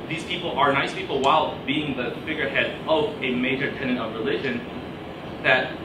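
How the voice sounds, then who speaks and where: A man's voice: mid-range voice, fairly even intonation, brisk, background noise. Hesitant young man, far off in an echoey room. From born in Australia, raised in Shanghai. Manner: hesitant, many fillers. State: sick, coughing. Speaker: audience questioner.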